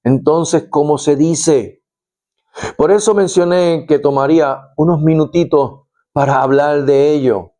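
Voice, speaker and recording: A man reading a psalm and teaching on a name in a slow, deliberate way, repeating and spelling out words as he explains them. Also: on the high side, steady tone, dark tone. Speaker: Bible teacher. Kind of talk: Advent Bible teaching and scripture reading.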